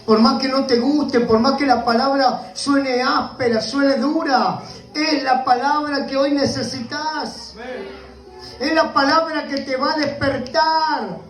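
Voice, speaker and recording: A man's voice: extremely high pitch, steady tone, slow pace, fairly bright tone, roomy sound, soft background music, low-quality recording. A man with a Rioplatense Spanish accent preaching a sermon with passion, often calling out to his listeners as brother. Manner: impassioned preaching, repeatedly addressing the listener as brother. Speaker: pastor. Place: church.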